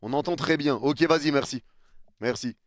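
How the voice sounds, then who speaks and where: A man's voice: a little high, moderate pace. A young man streaming live, chatting casually in slang and thanking viewers for their subs. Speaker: streamer reacting to a video.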